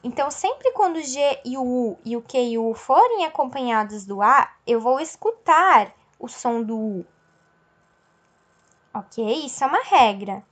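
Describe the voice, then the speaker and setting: A woman's voice: high-pitched, big pitch swings, a bit bright. A woman teacher explaining a lesson patiently, checking in with her class and stretching out example words. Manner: slow, explanatory, checks in with "certo?" and "ok?".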